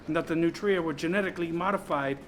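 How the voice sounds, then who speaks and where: A man's voice: fairly high pitch, fast talker, a little hiss or hum, lightly acted. An actor playing a man who muses about swamp animals and old mysteries. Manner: explanatory, musing.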